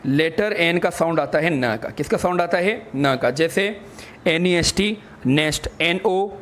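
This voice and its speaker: A man's voice: on the high side, animated, measured pace, fairly bright tone, slight background noise. A man teaching English letter sounds, spelling words out letter by letter and answering his own questions like a patient teacher. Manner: addresses listeners as children. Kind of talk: classroom phonics lesson.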